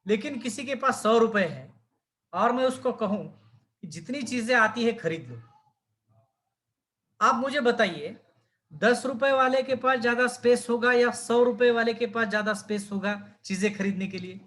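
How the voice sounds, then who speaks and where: High-voiced man teaching a class. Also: normal speed, a bit bright. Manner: asks students questions and models pronunciations. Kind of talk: lecture on speaking skills.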